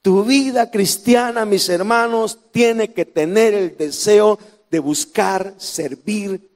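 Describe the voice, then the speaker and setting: A male pastor with a Salvadoran Spanish accent preaching a sermon, jumping from shouts to hushed lines and tossing in humorous asides to the congregation. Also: high-pitched, slow, in a large hall. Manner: preaching with sudden shouts and drops to near whispers.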